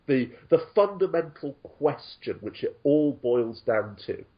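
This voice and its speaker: A man's voice: mid-range voice, animated, unhurried, lo-fi sound. A man talking on an online show, sarcastic and indignant, swearing freely as he rants. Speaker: guest commentator. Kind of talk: casual online talk show discussion.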